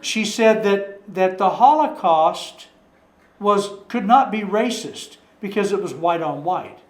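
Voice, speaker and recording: A man's voice: high-pitched, lively intonation, takes it slowly. A man leading a church study group in casual, rambling talk, restarting sentences and asking the group rhetorical questions. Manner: rambling, with frequent restarts and repeated words. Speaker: Bible study leader. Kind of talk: informal Bible study talk. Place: church meeting room. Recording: echoey room recording.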